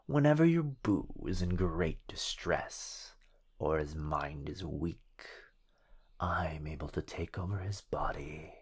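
For an ASMR roleplay, a man voices the possessive, teasing living shadow of a sorcerer boyfriend. His low, breathy whisper is slow and drawn out, animated and heavily acted, with a menacingly sweet delivery and a teasing, sinister mood.

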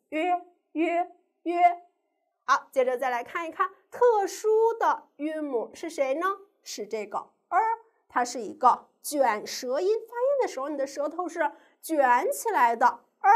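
A woman's voice: high-pitched, animated, normal speed. A woman teacher giving a primary school pinyin lesson, asking the children questions and drawing out each sound in a sing-song way.

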